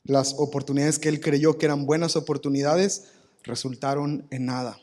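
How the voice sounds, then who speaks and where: Animated pastor, higher voice. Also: male voice, normal speed. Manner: animated, acts out quoted voices with humor. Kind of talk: live sermon. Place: church sanctuary.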